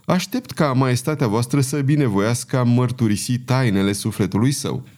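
A man voicing a calm monk in an audiobook, speaking in a measured, cool manner. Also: mid-range voice, close to an everyday voice. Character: calm young monk hearing a confession. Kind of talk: audiobook character reading.

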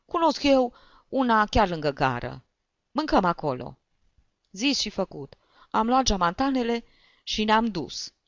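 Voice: mid-range voice, a bit bright, clean tone, dry recording, lo-fi sound, lightly acted. A reader voicing a weepy, flustered male tutor who sobs and strains as he complains, in a storybook reading. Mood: tearful. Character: weepy flustered male tutor, tipsy trip gone wrong.

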